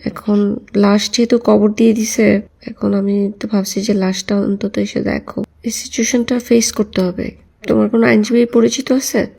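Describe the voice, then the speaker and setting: A woman's voice: mid-range voice, flat delivery, moderate pace, vocal fry, warm tone, husky. A Bangladeshi woman asking questions and giving advice in a private phone conversation. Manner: questioning and advising.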